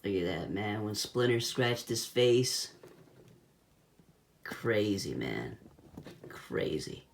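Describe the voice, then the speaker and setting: A man's voice: on the low side, very animated, slow pace, vocal fry, long pauses, a little hiss or hum. A man giving a casual hands-on toy review in laid-back, slangy talk, with a whistle on his s sounds.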